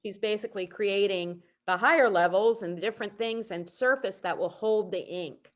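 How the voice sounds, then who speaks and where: A middle-aged woman speaks over a video call, walking her audience through artists' prints. She sounds warmly enthusiastic and informal, with relaxed asides and quick self-corrections. Her voice sits at an ordinary middle pitch. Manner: warm, enthusiastic explaining. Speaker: printmaker presenting artists' work. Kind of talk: virtual presentation talk.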